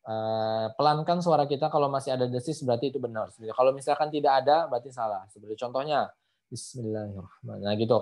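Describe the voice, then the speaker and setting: A man's voice: mid-range voice, a little mellow. A man teaching Quran letter pronunciation in an online lesson, patiently repeating each point over a video call. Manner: patient, repeats points with many tag phrases.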